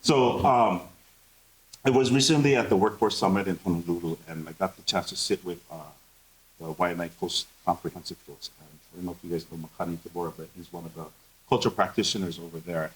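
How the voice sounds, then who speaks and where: A man's voice: low-pitched, steady tone, fast talker, poor audio. A man speaking candidly on a conference panel, earnest and full of fillers. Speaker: panelist, behavioral health professional. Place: conference room.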